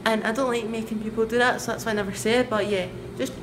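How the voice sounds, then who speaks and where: A woman's voice: on the high side, steady tone, fast talker. A young adult woman chatting casually and informally to her vlog viewers, rambling and asking herself questions as she goes. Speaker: vlogger. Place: indoor rooms, echoing. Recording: echoey room with loud background noise.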